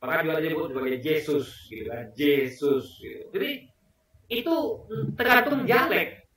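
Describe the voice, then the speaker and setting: A man's voice: a little high, animated, normal speed, fairly bright tone, heavy reverb, far from the mic. A man talking casually as a video commentator, rambling and repeating words while he searches for examples. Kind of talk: casual commentary on a debate clip.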